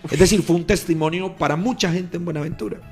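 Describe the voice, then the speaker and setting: A male pastor tells his testimony on the radio with earnest, emphatic storytelling. His voice sits a little high for a man. Soft music plays faintly behind him. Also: fast, breathy edge. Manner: earnest, emphatic storytelling that swells louder at key moments. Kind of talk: recounting a testimony on a radio program. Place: radio studio.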